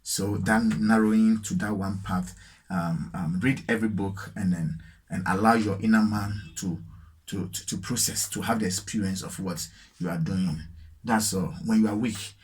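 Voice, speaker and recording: Alone as the lighting dims, a solo vlogger from Ghana with a Ghanaian accent offers unscripted spiritual reflections to his viewers. His fairly low voice has a breathy edge, and he talks slowly, hesitantly, with many fillers and phrases repeated for emphasis.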